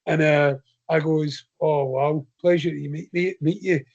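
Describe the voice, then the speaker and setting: A man's voice: a little high, steady tone, a little slow, creaky, a little mellow, muffled recording. Chatty Scottish man telling a long story. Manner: long rambling anecdotes told in his own voice. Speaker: guest ultra runner. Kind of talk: casual podcast interview.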